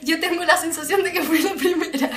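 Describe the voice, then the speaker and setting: A young Chilean woman in casual chat, telling a scary story in lively slang and acting out the screams and voices of the people in it. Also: extremely high pitch, a little fast, reverberant, crowd noise. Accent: Chilean Spanish.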